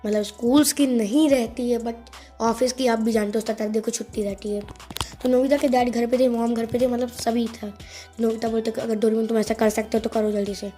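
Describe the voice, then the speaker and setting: A woman's voice: on the high side, warm tone. Chatty woman retelling a cartoon story. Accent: Hindi-speaking Indian. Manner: chatty, rambling with self-corrections. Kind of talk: casual fan story narration. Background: faint background music.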